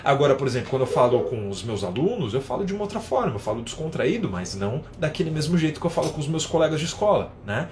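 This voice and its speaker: A man teaching in a live online lesson, explaining with everyday examples and often adding a quick tag question. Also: medium pitch, sing-song, crowd noise. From São Paulo, Brazil. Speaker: English teacher.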